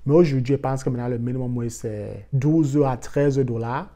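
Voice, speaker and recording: A man from Africa telling a casual personal story for his vlog in a lively way, dropping in English words. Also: mid-range voice, moderate pace. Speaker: vlogger.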